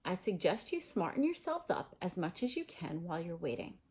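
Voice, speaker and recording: Woman reading as formal, husky Professor McGonagall. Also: lowish voice, big pitch swings, a little mellow. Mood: formal, solemn. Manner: formal, measured, authoritative. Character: stern, formal older woman professor addressing new pupils.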